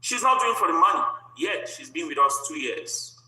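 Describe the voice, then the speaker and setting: Bright, echoey enthusiastic male host. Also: a little high, expressive, normal speed. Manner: enthusiastic, encouraging. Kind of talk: introducing a speaker on a video call. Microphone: video call. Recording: echoey room.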